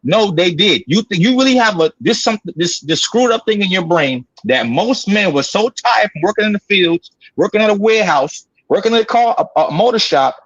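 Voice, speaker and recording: A man in his late thirties pressing his case in a heated online debate. His voice sits high, slightly husky and dry, and it comes through dull and lo-fi. He repeats himself to hold the floor. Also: animated, a little fast, few pauses, a bit bright, no echo. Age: 30s. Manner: insistent, repeats himself, cuts others off. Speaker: podcast panelist.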